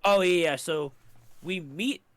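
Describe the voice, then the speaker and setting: Brief: young male podcast co-host, slightly high voice, dry close sound, rambling and profane casual recap. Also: slow pace, dry recording. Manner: loose and rambling, swears a lot, many fillers.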